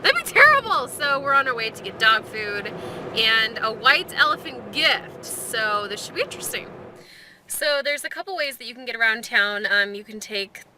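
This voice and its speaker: A woman's voice: on the high side, normal speed, bright, forceful tone, a little hiss or hum. A young woman chatting casually through a vlog, giggly and talking playfully to her dog. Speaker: vlogger.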